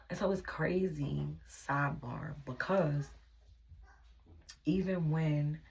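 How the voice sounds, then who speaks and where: A woman's voice: low-pitched, vocal fry, a little mellow, slightly rough. A young woman telling a personal relationship story in a candid, venting storytime vlog, sometimes dropping into a whisper.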